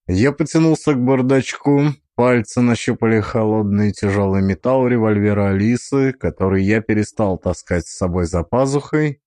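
A man giving a measured, suspenseful reading as an audiobook narrator, in scripted narration. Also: on the low side, warm tone, no room sound, studio quality.

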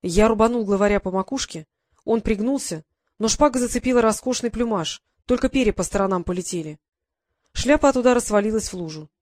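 A woman narrating a first-person adventure novel in an even, measured storytelling manner. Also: medium pitch, no echo, clean studio sound. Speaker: audiobook reader.

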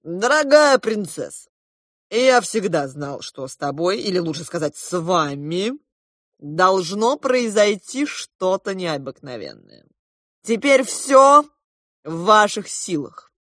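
A woman reading aloud, voicing a fussy older man who pleads in drawn-out words. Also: mid-range voice, very animated, a bit bright, no room sound, clean studio sound, full character voice. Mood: pleading.

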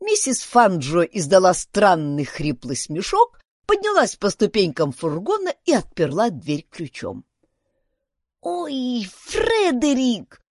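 A woman narrating a children's detective story in an expressive reading voice. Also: fairly low pitch, measured pace, dry recording, clean studio sound. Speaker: audiobook narrator.

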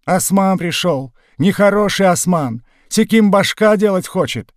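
A man's voice: lively intonation, a little slow, no room sound, clean studio sound. A man voicing a frail, tearful old village elder who pleads in broken speech. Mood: pleading. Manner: broken speech, wailing high voice.

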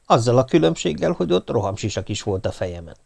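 A man's voice: medium pitch, sing-song, vocal fry, darkish tone. A man reading a humorous first-person audiobook with a wry, dry delivery. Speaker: audiobook reader.

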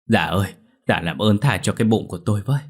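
A man's voice: fairly low pitch, fast, husky. A man voicing a squeamish, whining male villager in a storybook horror tale. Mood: pleading. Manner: whining, pleading.

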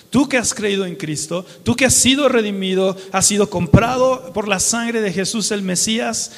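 A man's voice: sits high, big-room sound. A Mexican man preaching a sermon, colloquial, throwing rhetorical questions at the congregation. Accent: Mexican Spanish.

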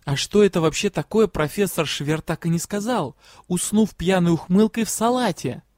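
A man narrating a first-person fantasy story in a measured, quiet storytelling manner. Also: high voice, no room sound, studio quality. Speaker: audiobook reader.

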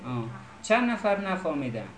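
A man's voice: high-pitched, sing-song, fairly bright tone. A man teaching an Arabic reading lesson, patiently checking that students follow. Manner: patient, checks understanding with repeated questions. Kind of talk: classroom Quran reading lesson. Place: classroom. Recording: echoey classroom.

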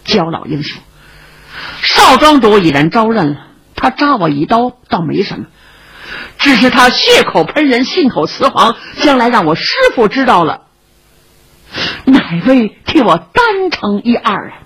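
A woman's voice: fairly high pitch, sing-song, unhurried, a bit bright, slightly rough, voice pushed up, heavily acted, rough recording. A woman voicing a young male swordsman who pleads courteously about a wrong done to him. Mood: aggrieved.

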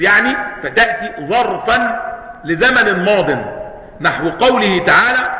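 A high, bright-voiced man with an Egyptian accent teaches in a classroom manner, pausing often to ask his listeners whether they follow. He recites verses between explanations. The recording is dull and lo-fi, with a long hall echo. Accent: Egyptian Arabic. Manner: asks students questions often; quotes and recites Quranic verses. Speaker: Islamic studies teacher. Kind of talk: recorded lesson.

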